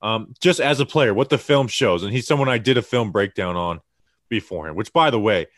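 A man with a low voice chatting about football prospects, excited and rambling, full of "you know" and "like". The sound is dry and close, with no room around it. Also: brisk, no echo. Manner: excited, rambling with many fillers. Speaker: podcast co-host. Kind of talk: casual sports analysis chat.

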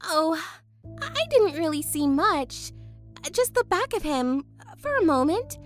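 An actress voicing a gushy, chipper young woman who teaches preschool, speaking in a high-pitched baby doll voice that coos with sweet condescension. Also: sing-song, slow, faint music behind, exaggerated voice. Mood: chipper cooing. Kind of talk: audio drama acting.

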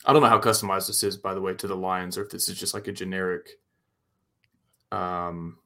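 A man's voice: low voice, little pitch movement, fairly quick, sharp tone. A man co-hosting a casual football show, giving blunt, opinionated analysis. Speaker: sports show co-host.

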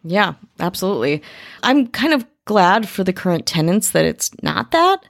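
A woman podcast host who narrates calmly and chats with guests, giving short agreeing replies. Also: medium pitch, moderate pace, creaky. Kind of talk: narration and interview chat.

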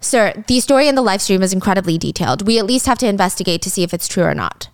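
A woman's voice: mid-range voice, animated, racing, clear, resonant tone, dry recording, studio quality, lightly acted. A woman voicing an earnest, determined police officer who presses his boss respectfully, in a drama recap. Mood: insistent. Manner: insistent, respectful.

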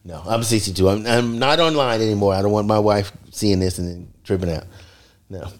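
A man in his sixties joins his daughter's podcast as a guest, as the co-host's father, chatting casually, joking and often repeating words. His voice is fairly low and brisk.

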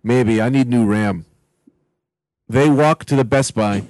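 A man's voice: medium pitch, takes it slowly, a little mellow, no echo. Casual man reading a script, close and dry. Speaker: script writer and reader at a comedy table read. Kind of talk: reading narration and banter, casual.

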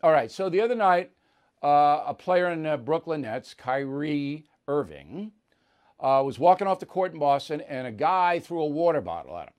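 A man's voice: on the high side, animated, moderate pace, darkish tone. A man hosting an opinionated commentary monologue, emphatic and repeating words for punch. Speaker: host.

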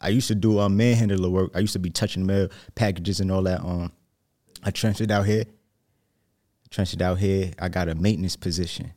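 A man's voice: low-pitched, steady tone, brisk, mellow. A man with a Brooklyn New York accent, chatting casually in slangy, street-style speech as a guest. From New Jersey, US. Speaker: hot seat guest, aspiring motivational speaker. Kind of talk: casual conversation.

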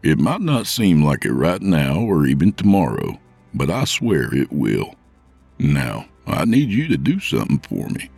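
Man doing a gravelly soothing biker Santa. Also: sing-song, unhurried, faint music behind, full character voice. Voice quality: deep gravelly. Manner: soothing, warm with kids, growls at villains. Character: gruff gentle biker Santa, older man.

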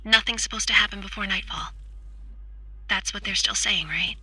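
A young woman plays a scared teenage daughter talking low and haltingly over the phone. Her voice is bright and breathy, with a husky edge. The sound is close and dry. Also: no echo. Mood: worried. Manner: hushed, anxious, halting. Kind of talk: audio drama acting.

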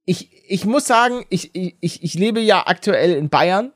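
Lively, joking man on a podcast. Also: high voice, unhurried, dry recording, studio quality. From Rhineland, Germany. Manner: joking, teasing, playful. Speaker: podcast co-host. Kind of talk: casual podcast banter.

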